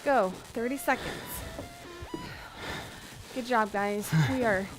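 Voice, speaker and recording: A young woman with a high voice leads an exercise class as an aerobics instructor. She coaches and counts down in an encouraging, motivational way, with music clearly playing behind her. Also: slow, rough recording. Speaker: fitness instructor. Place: outdoor covered wooden deck by a pond. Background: workout music.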